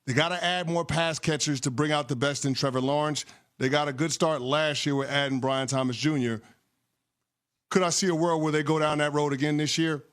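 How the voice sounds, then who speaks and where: A man's voice: fairly high pitch, fairly even intonation, fairly quick, a bit bright. A man analysing the draft on a sports talk show, weighing the options in a reasoned way.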